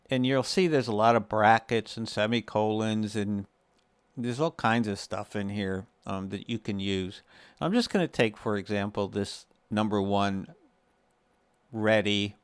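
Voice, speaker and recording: Clear and resonant, his voice sits on the low side as he explains a game step by step. It's a laid-back screen-share tutorial from a gaming video host, captured without any room sound.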